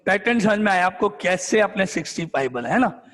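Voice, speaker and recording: A male math teacher with a notably high voice works through examples in front of a class, quizzing his students and repeating the same point until it sticks. The sound carries a long reverb, as in a bare classroom. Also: lively intonation, brisk, fairly bright tone. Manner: repetitive, drilling questions back at the class. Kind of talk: classroom lecture, questioning students.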